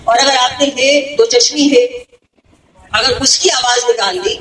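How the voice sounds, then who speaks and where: A woman's voice: high-pitched, steady tone, fairly bright tone. A woman religious speaker teaching a gathering, explaining step by step and often checking that listeners follow. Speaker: female religious speaker (zakira). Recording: echoey hall, distant mic, faint noise.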